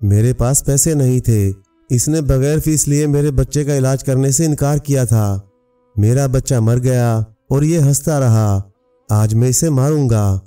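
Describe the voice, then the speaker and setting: A man's voice: mid-range voice, measured pace, dark tone, smooth, lightly acted. A man voicing a grieving, vengeful four-armed monster who threatens a doctor in a storybook tale. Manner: angry, threatening. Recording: distant mic, faint music.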